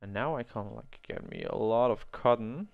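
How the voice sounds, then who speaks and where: With a creaky, medium-pitched voice at a moderate pace, a non-native English-speaking man hosts a gameplay video. He rambles and thinks aloud while playing an online role-playing game, chuckling whenever he messes up. The sound is phone quality.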